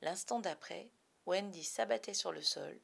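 A woman reading a children's story aloud in an expressive, dramatic storytelling manner. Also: medium pitch, unhurried, gravelly, breathy edge. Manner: lively, dramatic reading with varied loudness.

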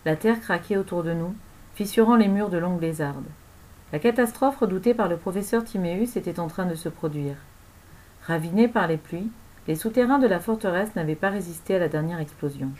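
A woman narrating a novel aloud in an expressive storytelling manner. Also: fairly low pitch, brisk, low-quality recording. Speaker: audiobook narrator.

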